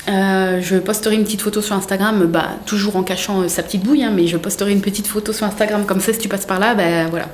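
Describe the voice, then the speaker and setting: A woman's voice: mid-range voice, slight background noise. A young woman chatting casually as she unboxes gifts, gushing and chatty with lots of fillers. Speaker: vlogger. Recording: roomy room echo.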